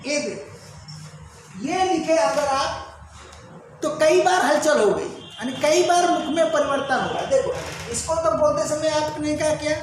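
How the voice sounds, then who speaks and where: A woman's voice: high-pitched, a little slow. A woman teaching an English grammar lesson, drilling pronunciation with repeated quiz questions to her students. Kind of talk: classroom-style grammar lesson. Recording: very echoey room, faint background noise.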